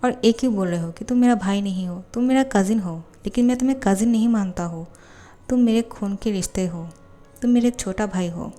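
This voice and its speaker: A woman's voice: medium pitch, fairly quick, warm tone, soft background music, natural voice. A woman reading the part of a protective twelve-year-old boy who pleads with his younger cousin. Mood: pleading. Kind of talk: fan fiction voiceover storytelling.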